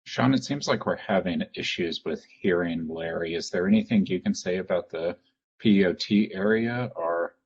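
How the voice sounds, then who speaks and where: Male moderator, low and husky, informal with fillers, heard through dull video-call audio. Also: moderate pace. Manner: conversational, filler-heavy wrap-up. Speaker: panel moderator. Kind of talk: hosting a virtual panel.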